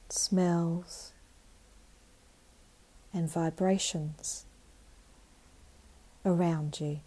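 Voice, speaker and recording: A woman guiding a meditation in a calm, meditative tone, with a soft, breathy voice and long pauses. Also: fairly low pitch, low-quality recording. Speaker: meditation guide. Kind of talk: guided meditation narration.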